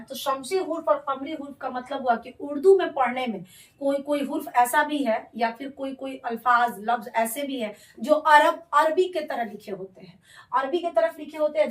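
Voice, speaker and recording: High-voiced woman teaching grammar, echoey. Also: distant mic. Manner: explains patiently, repeats terms, asks and answers her own questions. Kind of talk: classroom-style grammar lesson.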